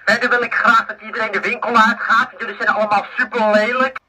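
A man voicing an insulting store loudspeaker announcer. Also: sits high, level tone, fast talker, recorded from a distance, noisy background. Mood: scolding. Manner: scolding, crude. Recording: tinny radio-like loudspeaker sound.

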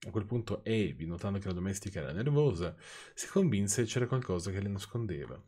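A man's voice: low voice, lively intonation, quick pace, warm tone. Sarcastic Italian man reading stories. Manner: sarcastic asides, dry and teasing. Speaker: channel host reading viewers' stories. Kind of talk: reading aloud with off-the-cuff commentary.

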